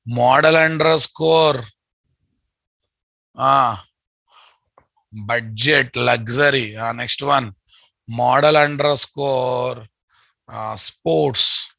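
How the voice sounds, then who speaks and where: A man's voice: medium pitch, extremely slow, vocal fry, pauses often, bright, forceful tone, no echo. A middle-aged man with a Telugu accent teaching a live online programming lesson, repeating phrases and prompting his students with familiar questions. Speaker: programming instructor. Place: indoor room at a computer.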